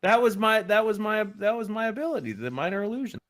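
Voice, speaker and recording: High-pitched man as a tabletop player, rambling, cursing, joking in character. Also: big pitch swings, fast talker, fairly bright tone. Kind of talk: playing a tabletop game on stream.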